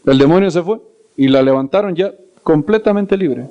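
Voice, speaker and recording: A man's voice: on the high side, normal speed, highs cut off. A man preaching in a storytelling way, acting out the scenes he tells and repeating words for emphasis. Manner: animated, acts out scenes and voices. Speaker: preacher and Bible teacher. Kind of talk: storytelling sermon.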